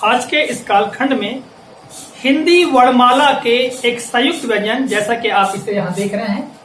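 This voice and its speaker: A high-pitched man gives a classroom-style grammar lesson, spelling out each sample word slowly and emphatically. His voice rings in an echoey room and sounds a little far from the mic, with faint ambient hiss behind it. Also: a bit bright. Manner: deliberate, emphatic enunciation of sample words. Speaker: teacher.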